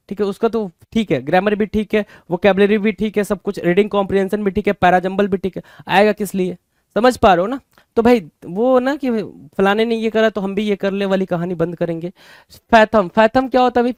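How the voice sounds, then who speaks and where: A man preps students for an exam by repeating vocabulary words and asking rhetorical questions, calling them "bhai," in an Indian English accent. He speaks in a high, smooth voice, recorded dry and clean in a studio.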